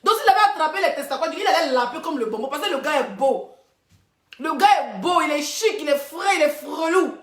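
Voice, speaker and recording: Broadcasting a live stream on her phone from an echoey room, a woman with a high voice taunts and chants insults while laughing. Her animated, brisk delivery makes it a mocking rant.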